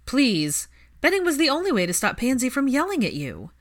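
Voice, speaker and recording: A woman's voice: high-pitched, wildly swooping pitch, a little fast, pitched above the performer's own voice, exaggerated voice. A woman putting on a brash, teasing young woman. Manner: loud, bossy, teasing.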